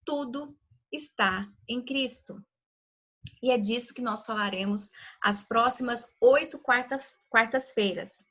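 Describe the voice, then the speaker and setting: Bright-voiced woman teaching the Bible. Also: a little high, a little slow. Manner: conversational, asks rhetorical questions, frequent "né?". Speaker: women's ministry Bible teacher.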